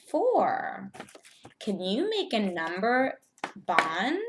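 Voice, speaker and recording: A woman teacher giving a step-by-step math lesson to young children, speaking in simple, deliberate phrases and putting questions to the learners. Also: on the low side.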